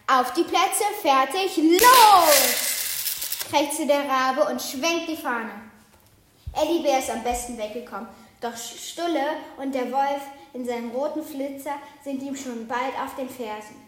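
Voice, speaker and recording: A woman reading a children's picture book aloud with lively, expressive storytelling. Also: sits high, unhurried. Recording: roomy echo.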